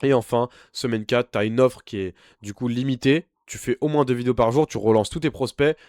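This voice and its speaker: A man's voice: medium pitch, a little fast, darkish tone, no echo. Blunt young man coaching in a dry voice. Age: young adult. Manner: blunt, pushy, talks straight at the viewer. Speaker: online business coach. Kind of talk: informal screen-share tutorial.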